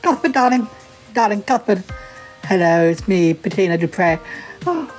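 Gushy theatrical lady presenter, woman doing the character, giggly, says darling a lot, soft music behind. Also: medium pitch, expressive, normal speed, close to an everyday voice, poor audio. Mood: gushing. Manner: effusive, giggly, calls everyone darling.

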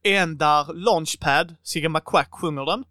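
Excited guy gushing about shows, slightly high voice, dry close mic. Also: no echo. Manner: enthusiastic, animated, quotes himself and others in little acted bits. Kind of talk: casual chat about TV series.

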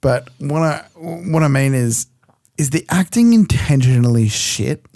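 A man's voice: fairly high pitch, lively intonation, a little slow, vocal fry, warm tone, no room sound, clean studio sound. A man co-hosting a podcast, chatting casually about a film, rambling with lots of fillers and swearing. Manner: rambling, swears, many likes and uhs. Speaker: podcast co-host. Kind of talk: casual movie-review chat.

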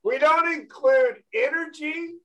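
A man's voice: extremely high pitch, slow, a bit bright, muffled recording. A man hosting a financial talk show, blunt and emphatic, often checking in with "okay?". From California. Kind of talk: casual talk show chat.

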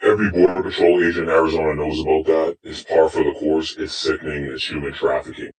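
A man's voice: steady tone, fast, echoey room. A man calling into a live stream through an electronic voice disguiser, giving short, grave answers. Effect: electronic voice disguiser, pitched very deep. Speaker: anonymous caller on a live stream. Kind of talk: live call-in interview.

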